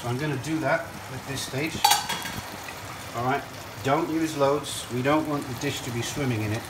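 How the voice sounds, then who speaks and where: A man hosting a casual cooking demonstration talks to camera from an indoor kitchen stove, his mid-pitched voice fairly even in intonation and a little fast. He explains every step in a chatty, meandering manner. The recording is echoey, distant from the mic, and very noisy, with frying sizzle and stirring audible throughout.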